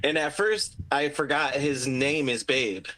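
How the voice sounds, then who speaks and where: A man's voice: medium pitch, steady tone, measured pace, pushed and bright. Brief: male podcast co-host, reflective and conversational, mid-range voice. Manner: thoughtful, musing. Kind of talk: casual movie discussion.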